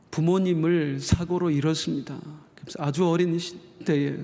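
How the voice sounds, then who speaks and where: A man preaching a sermon as pastor, telling a story with emotion and voicing the characters with sudden loud outbursts, in a church sanctuary. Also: on the high side. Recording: long reverb of a church hall.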